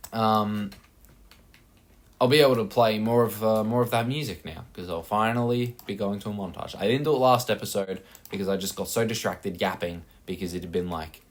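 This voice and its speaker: A young Australian man who hosts a gaming channel rambles casually over his gameplay, full of fillers and self-mocking asides. His voice is fairly low-pitched and his pace is brisk.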